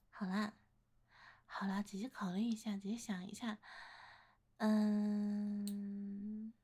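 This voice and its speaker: A woman's voice: fairly high pitch, takes it slowly, pauses often. A woman playing a teasing, doting older sister. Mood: teasing, coaxing. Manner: coaxing, playful teasing, gentle laughter. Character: teasing, affectionate older-sister woman wooed by a younger man. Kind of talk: one-sided romantic role-play audio.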